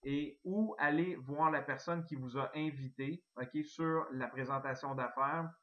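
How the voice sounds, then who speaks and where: A man with a Québécois French accent giving an eager, excitable sales pitch on a recorded online call, full of fillers and restarts. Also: measured pace, muffled recording. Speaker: network marketing presenter.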